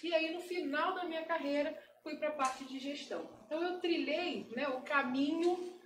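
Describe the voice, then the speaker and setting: A talkative woman in her forties with a Carioca accent, giving a relaxed tech talk at a meetup. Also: high voice, normal speed, slight background noise. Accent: Carioca Portuguese. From Rio de Janeiro, Brazil. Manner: chatty, talkative, laughs easily. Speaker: guest speaker. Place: event room at a meetup. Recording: roomy hall from a distant mic.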